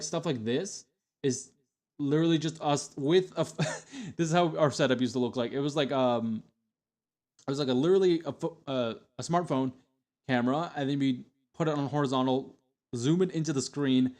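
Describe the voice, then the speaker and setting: With a medium-pitched, slightly mellow voice, a young adult man chats casually on stream about his old videos, rambling along with many fillers and restarts.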